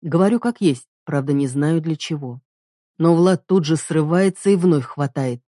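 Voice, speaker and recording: A woman's voice: low-pitched, normal speed, dark tone, no echo, studio quality. A woman reading a dramatic first-person audiobook with an emotional delivery. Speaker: audiobook narrator.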